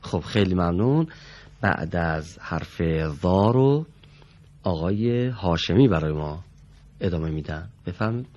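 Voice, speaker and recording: A man's voice: deep voice, lively intonation, a little mellow, dull audio. A man teaching a Quran reading class, politely calling on students and patiently correcting how they pronounce each letter. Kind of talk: classroom recitation lesson.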